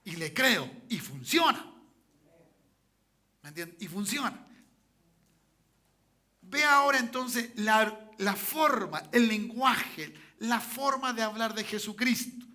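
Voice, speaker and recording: A man's voice: high-pitched, expressive, slow pace, long pauses, pushed and bright. A male pastor preaching a sermon in a church, repeatedly checking in with "¿cierto?" and calling for amens. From Chile. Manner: repetitive, peppers lines with "¿cierto?" and "¿ya?"; calls for amens from the congregation.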